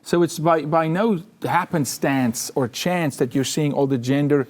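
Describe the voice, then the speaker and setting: A man's voice: on the high side, a little slow, a little mellow. A man appearing as a guest on a talk show, making his points in an emphatic, preachy way. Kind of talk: casual political talk show chat.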